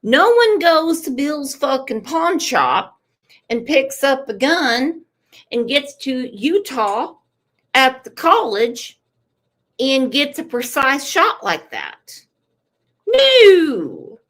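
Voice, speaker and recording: Her voice sits high and she takes her time as she runs a laid-back live stream. Reading viewers' chat messages out loud, she swears and reacts with animated emphasis even as she loses her voice.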